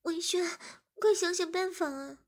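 A woman's voice: very high voice, measured pace, voice pushed up. A woman voicing a shy young wife who gets flustered and pleads easily. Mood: upset pleading.

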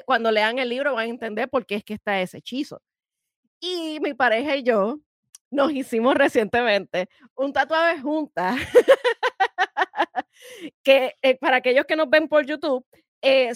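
A woman hosting a podcast interview, laughing between phrases and pausing on fillers. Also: high voice, a bit bright, no echo, studio quality. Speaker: podcast host.

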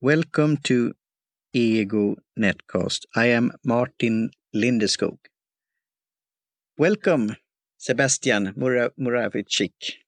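A man hosting a podcast interview, talking haltingly and often stopping to search for words. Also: medium pitch, no room sound. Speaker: podcast host. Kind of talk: casual interview.

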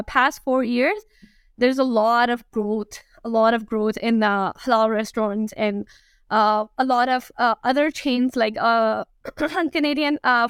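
A Pakistani food blogger in her thirties, speaking with a Pakistani accent, appears as a guest answering interview questions casually, with lots of fillers and restarts. Her voice is on the high side, clear and resonant, captured in a dry, studio-quality recording.

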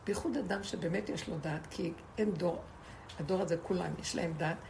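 A woman's voice: on the low side, darkish tone, a little hiss or hum. A woman giving an impassioned spiritual lesson to a group, asking rhetorical questions and repeating words for emphasis. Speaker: Torah teacher.

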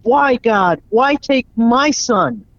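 A man's voice: medium pitch, little pitch movement, normal speed, darkish tone, no room sound, close to an everyday voice. A man voicing a grieving retired military grandfather, speaking in a choked, grief-stricken way. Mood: anguished. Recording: dull lo-fi recording.

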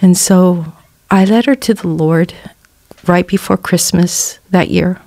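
Middle-aged woman, podcast guest; earnest testimony with lively quoted voices; low-ish pitch, dry close sound. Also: slow, no echo. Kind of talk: personal testimony in a church podcast interview.

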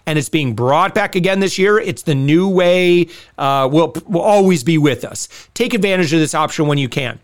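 A man hosting a podcast in a conversational, advice-giving style, addressing the listener directly and often checking in with short questions. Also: high voice. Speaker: podcast host. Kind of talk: conversational sponsor read and shopping advice to listeners.

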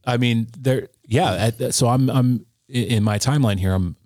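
A man in his thirties, a podcast guest, telling a personal story in an earnest, halting way with frequent restarts. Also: mid-range voice, darkish tone, no echo, studio quality.

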